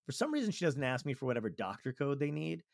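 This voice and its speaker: A man's voice: medium pitch, very animated, quick pace, creaky, no room sound, clean studio sound. A man, a comedian and podcast host, telling a story in casual chat, swearing freely and acting out both sides of a phone call.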